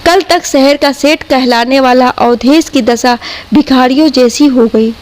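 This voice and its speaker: A woman narrating an emotional family story in a steady, dramatic storytelling manner. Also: sits high, unhurried.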